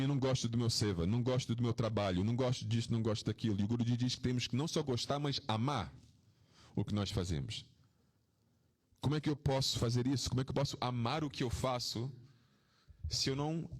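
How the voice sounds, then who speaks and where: A man speaks as a spiritual teacher in an informal talk to his devotees. He is reflective and tells personal stories, asks rhetorical questions, and often lets his voice sink into a soft, low register. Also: husky.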